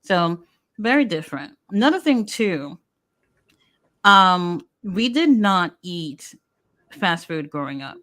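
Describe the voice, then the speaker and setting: Speaking slowly in a lowish, sing-song voice with a slightly bright edge, a thirty-something American woman with Haitian Creole as her native tongue chats openly as a show host. Her storytelling is candid and chatty, with frequent fillers.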